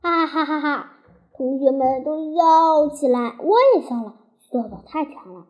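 A woman telling a children's story in a lively, childlike first-person voice. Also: high voice, moderate pace, poor audio.

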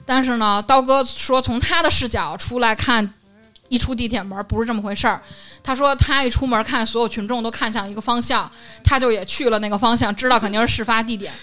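A young woman recounts a story in a lively, animated way, bouncing into the voices of the people she quotes. Her voice sits a little high, and faint music plays under the talk. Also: brisk. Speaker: podcast co-host. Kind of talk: casual storytelling chat.

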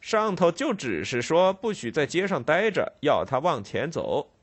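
A man's voice: a little high, sing-song, a little slow, breathy edge, voice pushed up, full character voice. A man doing a curt, unmoved police constable. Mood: stern, cold. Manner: curt, unmoved, loud and firm. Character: cold, stern police constable, middle-aged man.

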